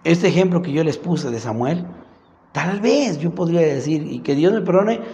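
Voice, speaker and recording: Gravelly-voiced preacher in a reverberant hall. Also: male voice, lively intonation, moderate pace, mellow, slight background noise. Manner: asks the congregation questions and reads scripture aloud; acts out quoted dialogue in higher voices. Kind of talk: sermon. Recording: reverberant hall, dull lo-fi sound.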